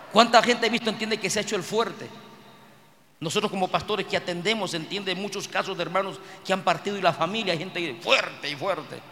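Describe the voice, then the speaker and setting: A man's voice: on the high side, fairly bright tone, long reverb tail, slight background noise. A man preaching a sermon as pastor, emphatic and repetitive, calling listeners brother and rising into cries of praise. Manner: addresses listeners as brother, repeats phrases.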